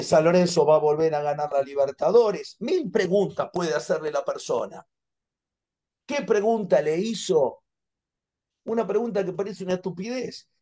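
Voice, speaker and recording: Argentine man teaching, dark soft voice. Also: a little high. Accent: Argentine Spanish. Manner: animated storytelling, repeats phrases for emphasis. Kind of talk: class over a video call. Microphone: video call.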